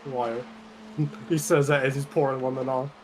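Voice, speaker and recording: A man's voice: medium pitch, little pitch movement, moderate pace. A man in casual voice-chat banter, joking and chatting as he drives a sim race. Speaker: sim racing driver streaming a team endurance race. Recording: noisy game-audio background.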